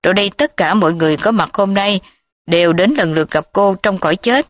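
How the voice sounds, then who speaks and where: A woman voicing a calm old man who gravely consoles a condemned woman. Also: medium pitch, a little fast, no room sound, studio quality, natural voice.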